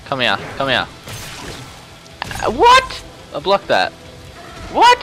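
A man giving casual gameplay commentary, swearing and trash-talking excitably. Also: on the high side, slow pace, music in the background.

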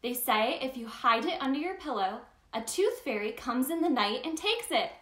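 A woman plays a cheerful Tooth Fairy hosting children's story time, speaking directly to young listeners in an animated, sing-song way. Her voice is high, her speed normal, and her mood playful and full of wonder, all in a roomy, echoing space.

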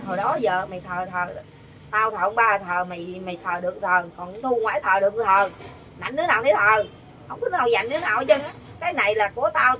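Fast-talking older woman. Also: on the high side, distant mic, a little hiss or hum, poor audio. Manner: animated, quoting others in quick bursts. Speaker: interviewee. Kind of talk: heated storytelling.

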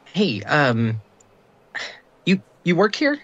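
A man's voice: a little high, wildly swooping pitch, extremely slow, a bit bright, muffled recording, voice pushed up, full character voice. A man voicing a timid, overwhelmed young girl who stammers nervously in a tabletop game.

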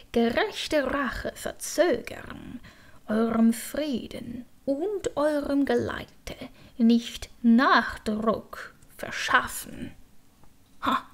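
A woman's voice: high-pitched, exaggerated voice. Woman voicing a grieving crow, Merkenau. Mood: pleading. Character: grieving male crow, talkative and mournful. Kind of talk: audiobook verse reading.

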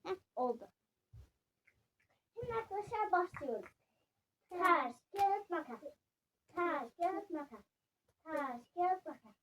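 High-voiced girl bossing her sibling around. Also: expressive, takes it slowly, long pauses, fairly bright tone. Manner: playful, bossy with a younger sibling. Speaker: vlogger. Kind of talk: casual kids' vlog. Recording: distant mic with faint noise.

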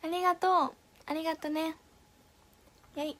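Giggly high-voiced young woman streamer. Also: steady tone, moderate pace, fairly bright tone. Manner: playful, giggly, reads and answers viewer comments. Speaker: live streamer. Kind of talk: casual live stream chat with viewers.

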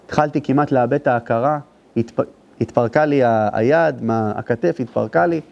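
A rabbi giving an emotional storytelling sermon to a live audience, speaking to the listeners directly and rising into intense high cries at the story's climaxes. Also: male voice, creaky, a little mellow, dull audio. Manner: addresses the audience directly, urging them to listen. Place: live lecture before an audience.

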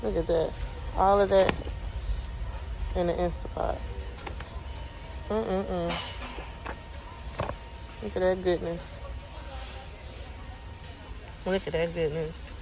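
A young shopping vlogger with her son chats casually while browsing the aisles of a large store, reading out items and prices for a shop-with-me video. Her voice is lowish and gravelly, steady in tone and slow, with long pauses, and there's music playing. It's noisy handheld phone audio full of busy store ambience.

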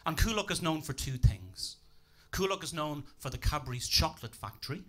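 On a comedy club stage, a young Irish man with a Dublin accent performs stand-up into a handheld mic. His voice is fairly high and fairly quick, and his delivery is dry and deadpan, sprinkled with self-deprecating asides.

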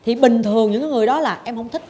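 A woman's voice: a little high, very fast, mellow. A woman, hosting a talk show and dramatically telling a personal story, acting out her own past thoughts. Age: 40s. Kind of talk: confessional storytelling chat.

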